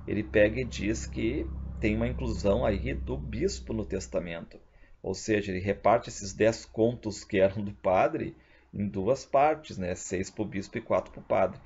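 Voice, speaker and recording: A male literature teacher giving a video lesson, retelling a play and reading the characters' lines in lively voices. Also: lowish voice, vocal fry, husky. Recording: dull, lo-fi recording.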